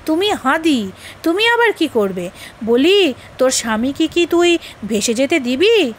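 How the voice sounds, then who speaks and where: Lady reading as a scolding village woman, high voice, taunting questions one after another. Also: big pitch swings, a little hiss or hum. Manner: taunting, rapid-fire questions. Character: mocking village woman, sharp-tongued and scolding.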